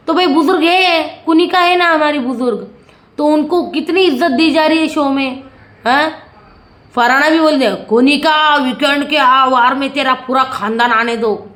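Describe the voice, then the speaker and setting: A woman reviewing a reality show in opinionated, casual commentary. She sounds indignant and keeps firing rhetorical questions. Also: high voice. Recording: echoey room.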